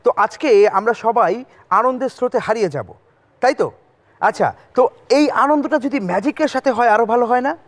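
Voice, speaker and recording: A man's voice: very high-pitched, animated, moderate pace. A man hosting a children's magic show, telling stories and prompting the kids with short questions. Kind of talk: interactive children's stage patter with storytelling. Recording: music playing behind the voice.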